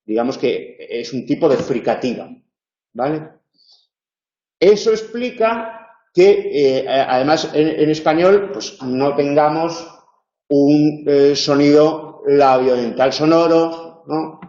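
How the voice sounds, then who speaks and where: Man, university lecturer, explanatory, slightly high voice, echoey lo-fi recording. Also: dark tone. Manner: explanatory, demonstrates sounds slowly. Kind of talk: online tutoring lecture. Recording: roomy, dull lo-fi sound.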